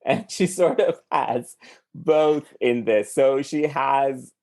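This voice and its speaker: A man chats about movies on his podcast with a gravelly edge to his voice. He talks casually and a little hesitantly, filling pauses with ums and likes as he thinks. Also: medium pitch, darkish tone. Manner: hesitant, thinking aloud with many fillers. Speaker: podcast host. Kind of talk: casual film discussion.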